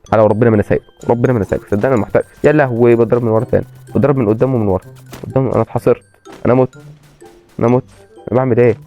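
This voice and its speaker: A man with an Egyptian accent commentating his own gameplay and repeating excited exclamations. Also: mid-range voice, rapid-fire, lo-fi sound, soft background music. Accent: Egyptian Arabic. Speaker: gaming channel host.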